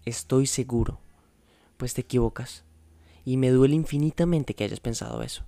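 A guarded young woman who keeps her answers short and evasive, read by a man in his own warm voice. She speaks softly and with restraint. The sound is close and dry. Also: mid-range voice, normal speed, no echo, lightly acted. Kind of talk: audiobook reading.

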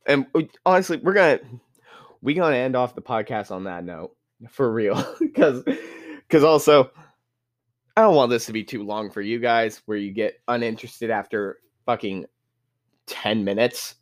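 A young man from California hosts his own casual podcast in a plain, mid-pitched voice. He rambles from thought to thought, swears freely and gets excitable, with his pitch jumping up when something worked him up. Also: moderate pace. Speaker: podcast host. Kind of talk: casual solo podcast chat.

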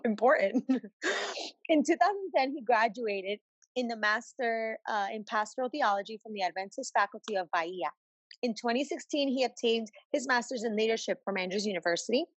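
Woman, podcast co-host, fairly high voice, slangy and playful, casual delivery, dry close sound. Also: expressive, normal speed, no room sound, low-quality recording. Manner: playful, slangy, giggly banter. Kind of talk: casual chat, some reading aloud.

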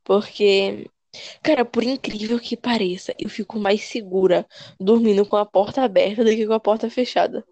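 A young woman with a Brazilian accent, a podcast co-host telling scary stories in casual chat, animated and full of slang, repeating words as she goes. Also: mid-range voice, normal speed, no echo, highs cut off. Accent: Brazilian Portuguese.

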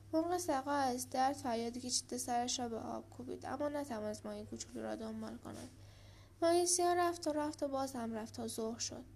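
A woman reads a children's storybook aloud in a high voice. Her narration is steady and expressive, with a few small stumbles along the way. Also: gravelly.

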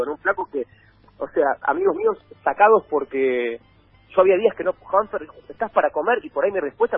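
A man with an Argentine Spanish accent, a guest in a casual chat, tells long, rambling stories with many restarts. His voice is fairly high and slightly rough. The recording is dry and phone-like, with no room sound.

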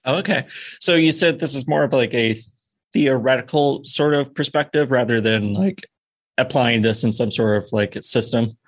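A man hosting a podcast, asking relaxed, curious questions with casual fillers. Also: mid-range voice, moderate pace. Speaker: podcast host. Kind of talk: casual interview.

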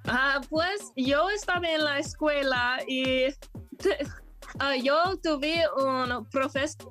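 A high-voiced woman with a clear American accent speaks Spanish as a second language, her first tongue being English. She talks very slowly and carefully, pausing to hunt for words as a podcast guest. Faint music sits behind her. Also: pushed and bright. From United States. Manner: slow, careful, searching for words. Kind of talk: casual chat in learned Spanish.

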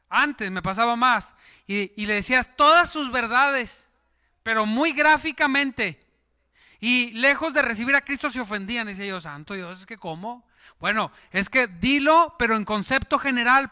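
A man preaches to his congregation, throwing out questions and jokes as he goes. His voice is high and very bright, with a smooth, clear tone. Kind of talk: sermon.

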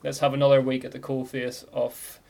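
Male co-host for a relaxed sports discussion podcast; gravelly, with noticeable vocal fry. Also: mid-range voice, a little fast.

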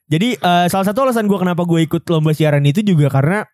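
A man's voice: high voice, rapid-fire, darkish tone, dry recording, studio quality. A young man with a Jakarta accent hosting a podcast, telling a story in slangy, joshing chat and often repeating his phrases. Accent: Jakarta Indonesian. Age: young adult. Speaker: podcast host.

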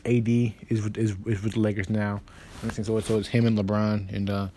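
A man hosting a casual basketball podcast, rambling with lots of fillers and restarts, and quick in delivery. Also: on the low side, flat delivery, dark tone, a little hiss or hum. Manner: talks fast, says so himself. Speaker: podcast host. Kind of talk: casual sports podcast talk.

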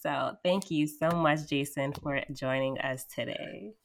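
A young woman presents an interview podcast. Her voice is notably low for a woman. She speaks as an upbeat, encouraging host who introduces topics and guests. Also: a little slow, creaky.

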